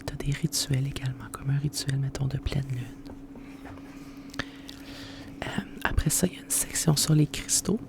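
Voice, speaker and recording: Hushed Quebec French library whisper, ASMR host. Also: mid-range voice, gravelly. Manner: informal, unhurried explaining. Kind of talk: whispered ASMR book presentation.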